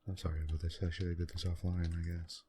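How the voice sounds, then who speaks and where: A man quietly talking through a computer game in a soft-spoken ASMR style, musing aloud at an unhurried pace with many pauses. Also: low voice, little pitch movement, slight background noise. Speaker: gaming channel host.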